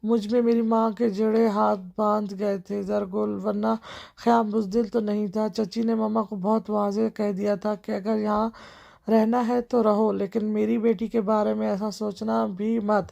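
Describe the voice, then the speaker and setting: Remorseful young man, read by a woman, gravelly and flat. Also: mid-range voice, lo-fi sound. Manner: remorseful, pleading. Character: earnest young man pleading with his angry cousin.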